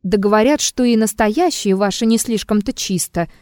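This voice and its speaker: A woman's voice: medium pitch, normal speed, a little mellow, no room sound, clean studio sound, natural voice. A woman voicing an insolent, mocking male blackmailer in an audiobook, talking rudely and with a sneer. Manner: sneering and rude.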